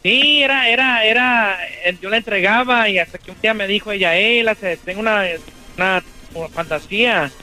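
A man calling in to a talk show, chatting casually in a halting, repetitive way over the phone. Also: sits high, bright, forceful tone, faint music behind, low-quality recording. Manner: halting, repeats words. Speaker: phone-in caller. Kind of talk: casual call-in chat.

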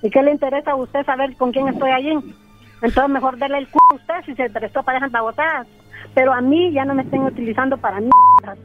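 Angry rude lady caller, high voice, tinny phone line. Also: fast talker, no room sound, soft background music.

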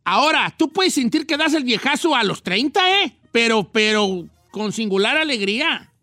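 A man's voice: extremely high pitch, animated, moderate pace, sharp tone, no room sound, clean studio sound, soft background music. A man hosting a comedic radio show, telling folksy, rambling stories and joking with his co-hosts. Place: radio studio.

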